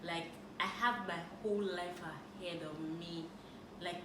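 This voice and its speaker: A woman in her thirties speaks in a personal vlog. Her tone is earnest and reflective, and she often stops and restarts her sentences. She sits some way back from the camera mic in a roomy, echoey space with steady background noise. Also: on the low side, measured pace, far from the mic. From Nigeria. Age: 30s. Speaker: faith and lifestyle YouTuber.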